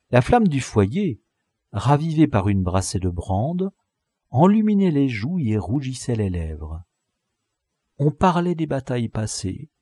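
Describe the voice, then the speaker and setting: A man narrating a novel as an audiobook reader, in a lively, expressive storytelling manner. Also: mid-range voice, no echo, studio quality.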